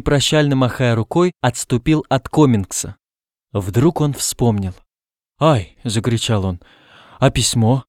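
A man narrating an audiobook in a calm, even reading voice at a middle pitch. He raises his voice when the characters shout. The sound is close and dry, with no room echo. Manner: reads calmly, lifts his voice for characters' shouts.

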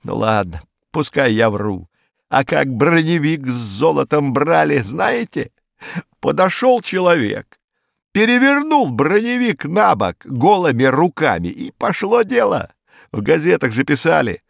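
A man voicing a frightened, superstitious male gangster informer who talks in a jumpy, rambling, pleading way, in a high, strained voice with a gravelly edge. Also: sing-song, unhurried, no room sound, studio quality, heavily acted. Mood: scoffing.

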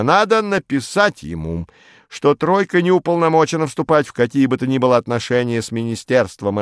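A man's voice: mid-range voice, clean tone, no room sound, clean studio sound, voice pushed up, lightly acted. A man voicing a fussy, pedantic male official who lectures insistently.

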